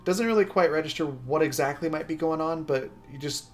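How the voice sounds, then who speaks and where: A man narrating as game master of a tabletop game, hesitant with many ums and quick to laugh. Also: a little high.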